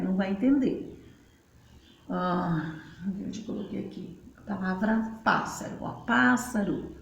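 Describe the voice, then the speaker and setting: A woman's voice: mid-range voice, gravelly, darkish tone. A woman teacher, patiently explaining at a board and spelling out syllables in a chatty way. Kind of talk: casual classroom explanation. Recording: roomy, faint background noise.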